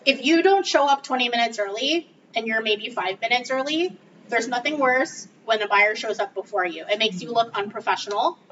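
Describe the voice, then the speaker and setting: High-voiced woman coaching a group. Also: moderate pace, a bit bright. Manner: upbeat, coaching, casual with fillers like "like". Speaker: real estate trainer. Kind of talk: group training talk. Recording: distant, dull mic with faint noise.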